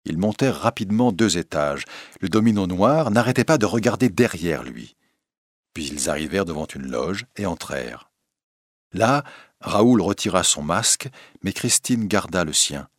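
Male narrator, low-pitched, dry studio read, steady dramatic storytelling. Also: normal speed, no room sound.

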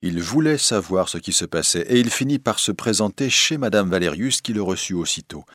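A man narrating a storybook in a measured, even way. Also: deep voice, no echo, clean studio sound.

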